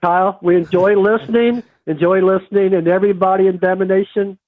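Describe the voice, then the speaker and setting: A man's voice: sits high, fairly even intonation, brisk, no room sound. A man calling in to a sports talk show over the phone, ranting animatedly and saying "man" often. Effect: heard over a phone line. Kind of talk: casual phone-in rant. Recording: tinny phone line, dry.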